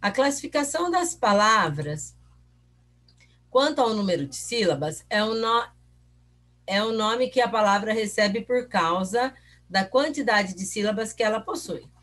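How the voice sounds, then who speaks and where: Animated woman teacher. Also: mid-range voice. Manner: drawn-out, syllable-by-syllable pronunciation of example words; patient, encouraging, asks the class questions. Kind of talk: recorded review lesson for pupils.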